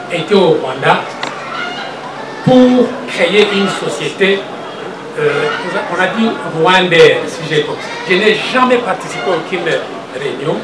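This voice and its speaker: A man speaking as a defendant at a court hearing, in an emphatic, repetitive way, rising to forceful protest. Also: high-pitched. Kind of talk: impassioned spoken statement. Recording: echoey room from far off, loud background noise.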